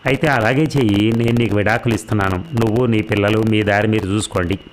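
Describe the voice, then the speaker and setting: A man voicing a middle-aged husband who moves from bitter complaint to shouted commands at his wife, in a low voice. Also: quick pace, slight background noise, natural voice. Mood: defiant. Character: aggrieved middle-aged husband turning defiant.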